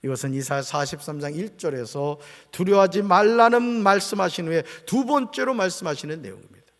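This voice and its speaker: A man preaching in a church sanctuary, his voice sitting high and leaping up and down in pitch. He moves from loud calls to the congregation to hushed, low remarks. Long reverberation hangs after every phrase in the large room. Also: animated, a little fast. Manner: call-and-response preaching, swings from loud exclamations to low quiet asides. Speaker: pastor. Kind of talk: sermon. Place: church sanctuary at dawn prayer service.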